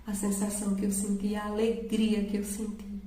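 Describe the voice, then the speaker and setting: A woman's voice: mid-range voice, monotone, normal speed, warm tone, echoey room, a little hiss or hum, poor audio. Awed woman sharing a testimony. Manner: earnest, awed. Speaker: testimony vlogger. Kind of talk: personal testimony to viewers.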